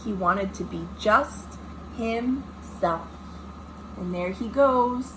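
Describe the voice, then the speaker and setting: With a mid-range voice and drawn-out words, a woman hosting storytime as a children's librarian reads a picture book dramatically to young listeners. The recording is a noisy amateur one, made indoors at home.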